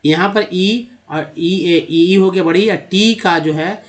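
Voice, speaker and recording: High-voiced man teaching letter sounds. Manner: repeats and drills sounds slowly; addresses viewers as friends. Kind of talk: explaining letters to viewers.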